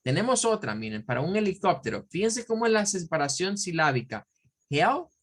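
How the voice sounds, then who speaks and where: A man's voice: high-pitched, big pitch swings, fairly quick. A man teaching an online English pronunciation lesson in Spanish, explaining carefully and repeating example words for drill. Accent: Central American Spanish. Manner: looks up words in an online dictionary as he talks.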